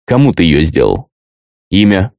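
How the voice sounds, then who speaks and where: A man voicing a cold, merciless young male avenger in an audiobook, speaking in a flat, icy, detached way. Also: low-pitched, normal speed, vocal fry, dry recording, clean studio sound, exaggerated voice.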